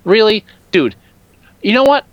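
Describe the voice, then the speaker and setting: Sitting high in pitch and very animated, this podcast co-host takes an unhurried pace as he vents his exasperation about films, swearing heavily and opinionated throughout. The audio is dull with no room sound.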